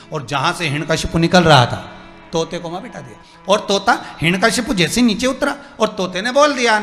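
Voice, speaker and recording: A man preaching a devotional sermon, animated and storytelling, voicing the people in his stories. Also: a little high. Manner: animated, voices quoted characters in dialogue. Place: large religious gathering. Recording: music behind, long hall reverb.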